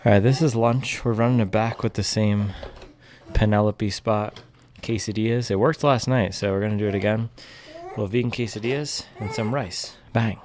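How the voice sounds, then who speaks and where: A man's voice: on the low side, steady tone, normal speed, darkish tone. A man narrating his meals in a casual running vlog, upbeat with short clipped remarks. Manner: upbeat, clipped food commentary. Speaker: running vlogger. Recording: noisy background.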